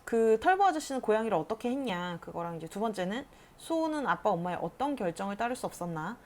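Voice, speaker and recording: Fast-talking woman retelling a story. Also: medium pitch, sing-song. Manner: casual storytelling with fillers, briefly voicing characters. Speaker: reading teacher. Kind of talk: retelling a children's story in a lesson.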